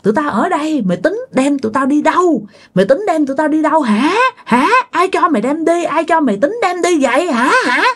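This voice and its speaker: Woman putting on a shrill angry female ghost. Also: lively intonation, a little fast. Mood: menacing scolding. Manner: shrill scolding, shouting threats. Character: furious female ghost haunting a mannequin.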